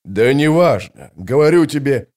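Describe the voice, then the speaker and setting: A man voicing a gruff grumbling sapper. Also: medium pitch, expressive, measured pace, darkish tone, lightly acted. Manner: grumbling, blunt.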